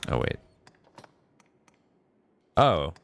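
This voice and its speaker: A man doing casual live game commentary, thinking out loud and answering viewers as he plays. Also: very slow. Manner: reads and answers viewers' messages aloud. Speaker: game streamer. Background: game music.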